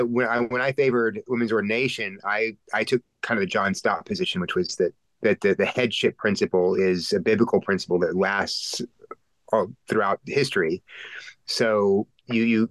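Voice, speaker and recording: A man who is a podcast co-host and pastor, sick, talking through theology in an explanatory, halting, conversational way. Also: lowish voice, fairly bright tone, dry recording, poor audio.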